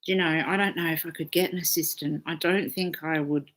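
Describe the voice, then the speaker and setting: A woman's voice: deep voice, steady tone, fairly quick, a bit bright. A woman astrologer hosting a casual live stream, chatting freely, swearing often and reading out viewer comments.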